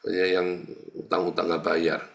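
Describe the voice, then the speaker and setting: A middle-aged male pastor delivering a casual sermon with a gravelly, fry-tinged voice and a bright, forceful tone. He moves between soft, musing asides and sudden loud scolding of his listeners. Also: sits low, little pitch movement, moderate pace.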